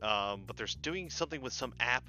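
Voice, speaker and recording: A man's voice: medium pitch, lively intonation, brisk, sharp tone, soft background music. A man hosting a comedy movie podcast, recapping the plot in a rambling, sarcastic way and swearing often. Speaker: host.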